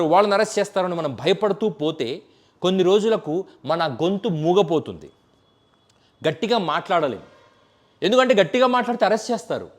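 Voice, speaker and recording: A man giving an impassioned political commentary, stacking repeated phrases and mixing in English words. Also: high-pitched. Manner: mixes English words into speech.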